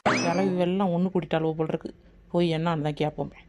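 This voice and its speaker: A woman's voice: high voice, steady tone, quick pace, natural voice. A woman voicing a sulky young daughter-in-law in a cartoon, dismissive toward her elders. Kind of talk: cartoon voice acting.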